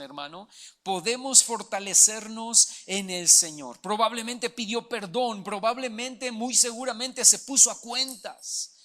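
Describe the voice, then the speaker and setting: A man's voice: high voice, bright, forceful tone. A man preaching a sermon as pastor, emphatic and direct, often calling his listeners brother. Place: church.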